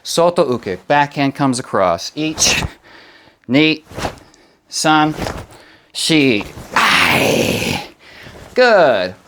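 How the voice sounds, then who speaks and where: A male karate instructor calling out sharp, clipped martial arts commands and counts during a class. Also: medium pitch, lively intonation, extremely slow, pauses often, noisy background.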